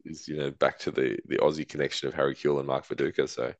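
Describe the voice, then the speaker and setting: Super deep voiced guy, laid back podcast chat, lots of ums, dry sound. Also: fast talker, no echo. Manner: relaxed, hedging with fillers. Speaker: podcast co-host. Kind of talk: casual chat.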